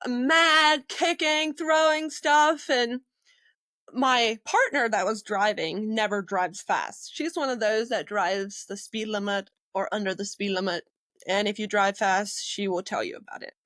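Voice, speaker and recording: A woman working as an EMT, telling stories as a podcast guest in a lively way, acting out what people said and laughing often. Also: mid-range voice, unhurried, no room sound. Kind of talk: casual storytelling in a podcast interview.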